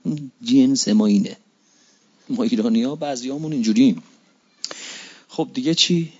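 A man preaching a sermon with passion, dropping to low murmurs and rising to high exclamations, repeating phrases for emphasis and reciting Arabic sayings slowly. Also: darkish tone. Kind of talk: religious sermon. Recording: dull lo-fi recording.

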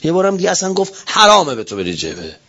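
A middle-aged man giving a religious talk, animated, swinging between loud emphatic lines and low soft asides. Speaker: preacher. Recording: dull lo-fi recording.

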